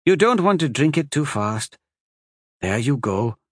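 A man voicing a gentle, motherly healer woman. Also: medium pitch, sing-song, a little slow, no room sound, clean studio sound, pitched above the performer's own voice. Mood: soothing. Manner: soothing, scolding gently, stands her ground when pressed.

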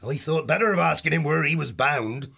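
A man voicing a plain-spoken young male abbey creature in an audiobook, matter-of-fact, with a husky, gravelly voice. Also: on the high side, brisk, bright, forceful tone, pitched above the performer's own voice, full character voice.

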